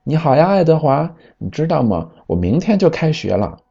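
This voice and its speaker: A man voicing an excited little male monkey in a storybook, with an eager, high, chirpy way of talking. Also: moderate pace, gravelly, slightly rough, highs cut off, exaggerated voice.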